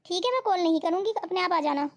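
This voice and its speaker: A woman's voice: very high voice, animated, fast. A woman voicing Motka, a kind cheerful cartoon bride. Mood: reassuring. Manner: friendly, reassuring. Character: kind cheerful young bride, generous friend. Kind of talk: cartoon voice acting.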